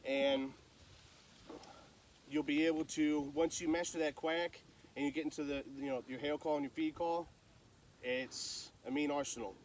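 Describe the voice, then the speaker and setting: A man's voice: on the high side, steady tone, normal speed, long pauses, recorded from a distance, slight background noise. A man giving casual, folksy, plain-spoken instruction as a hunter sharing calling tips.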